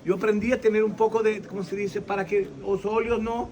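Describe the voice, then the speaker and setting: A man in his sixties from Venezuela giving a lively faith testimony in an interview, acting out the people in his story and pausing to search for words. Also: high-pitched. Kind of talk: animated personal testimony.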